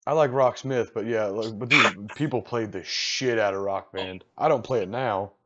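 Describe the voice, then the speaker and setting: A middle-aged man co-hosting a casual podcast chat, blunt and animated, swearing casually. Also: lowish voice, moderate pace, lo-fi sound, very noisy. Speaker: podcast co-host.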